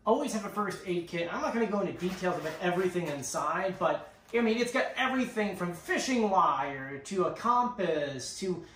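A man's voice: sits high, animated, moderate pace, a bit bright. A young man vlogging casually at home, walking through his hiking gear in a rambling, chatty way. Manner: chatty, rambling with fillers and restarts. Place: living room floor, indoors. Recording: roomy, distant camera mic, faint hiss.

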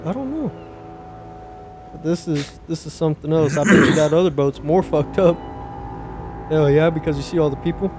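A young man reacting to a video game with drawn-out remarks and yelps at scares. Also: a little high, over music. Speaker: co-host playing a video game. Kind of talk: casual let's-play commentary.

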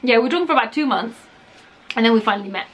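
A woman's voice: fairly high pitch, lively intonation, racing. A young woman telling how she met her husband in a casual, playful chat, often cutting in to correct him. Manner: chatty, playful, interrupts to correct. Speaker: co-host telling a couple story.

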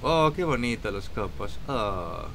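Lively joking Spanish-accented gamer. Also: male voice, on the low side, slow pace, noisy background. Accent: Spain. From Spain. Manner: chatty, joking, talks to viewers. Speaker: gaming YouTuber. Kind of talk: solo gameplay commentary.

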